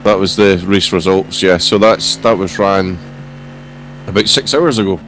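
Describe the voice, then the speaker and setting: A male race commentator with a hoarse, croaky voice that sits fairly low. He calls the action in a casual, live style, with a faint hum of car engines behind him. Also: steady tone, measured pace, fairly bright tone, rough recording. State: hoarse from coughing. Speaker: sim racing stream commentator.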